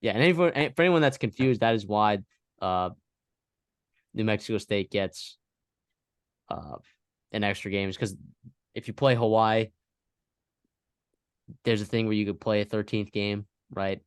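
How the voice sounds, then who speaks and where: Low-voiced man in casual sports chat. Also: a little slow, long pauses, clear, resonant tone, dry recording, clean studio sound. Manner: animated, rambling with fillers and restarts. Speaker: podcast co-host.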